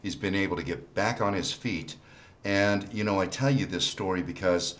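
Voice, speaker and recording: A man with a very deep voice gives a conversational sales talk. He sounds like a car salesman in an infomercial. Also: normal speed, fairly bright tone.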